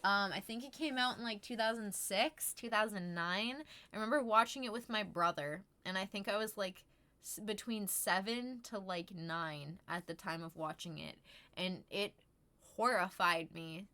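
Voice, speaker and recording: This young adult streamer chats casually with viewers using sweary, slangy stoner language. She has a medium-pitched, bright voice with a forceful tone and speaks at a moderate pace.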